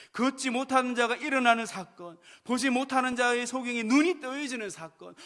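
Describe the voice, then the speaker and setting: A male pastor preaching a sermon, asking rhetorical questions and swinging between hushed and loud delivery. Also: high-pitched.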